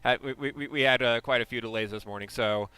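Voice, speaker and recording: A man's voice: medium pitch, fast, sharp tone, clean tone, dry recording. A man hosting a stream, talking casually and stumbling over repeated words. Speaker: stream host.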